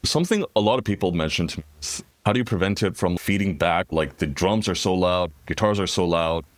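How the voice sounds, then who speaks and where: A man's voice: sits low, animated, fairly quick, no echo. A man interviewer asking curious, informal questions with frequent fillers.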